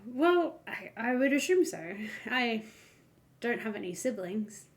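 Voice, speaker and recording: A woman voicing a grieving young man who speaks hesitantly and quietly. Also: a little high, sing-song, unhurried. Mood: sad. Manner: hesitant, subdued.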